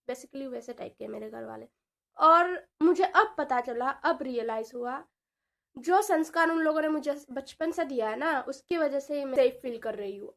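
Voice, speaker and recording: A woman in her twenties telling a personal story in an animated, dramatic way, mixing in English words and slang. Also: high voice. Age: 20s. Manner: animated, dramatic retelling with frequent asides. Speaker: vlogger. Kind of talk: casual storytelling vlog.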